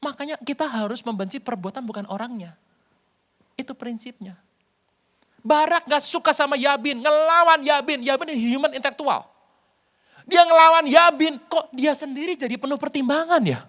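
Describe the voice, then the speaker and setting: A male pastor preaching a sermon in a lively storytelling way, with jokes. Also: very high-pitched, moderate pace.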